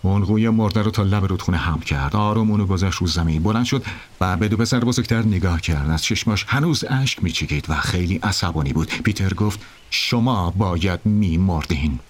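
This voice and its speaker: A man narrating a story aloud, in an expressive, dramatic reading style. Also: low voice.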